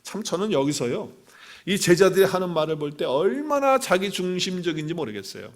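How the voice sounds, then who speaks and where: A male pastor giving a sermon at a livestreamed church service. He preaches with animated swings from loud exclamations to quiet asides, asks the congregation questions and acts out quotes. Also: high-pitched, a little fast.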